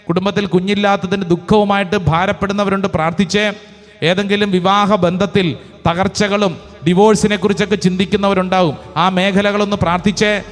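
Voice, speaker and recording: A priest preaching a charismatic sermon, telling stories and leading his congregation in call-and-response prayer. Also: sits high. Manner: storytelling, then rousing the congregation to clap and pray. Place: large church hall. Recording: long hall reverb.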